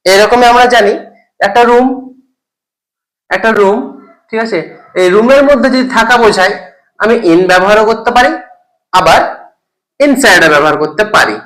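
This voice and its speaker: Teacher going over grammar, keeps asking "okay?", reads example sentences slow word by word. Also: mid-range voice, fairly bright tone, low-quality recording. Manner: asks the listener questions and checks in with "okay?". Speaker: English teacher. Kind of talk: explaining grammar in a recorded lesson.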